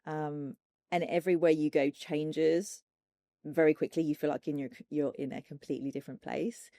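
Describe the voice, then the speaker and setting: A woman's voice: low voice, fairly even intonation, normal speed, warm tone, dry recording, studio quality. A woman co-hosting a podcast, easygoing and rambling in casual chat. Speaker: podcast co-host.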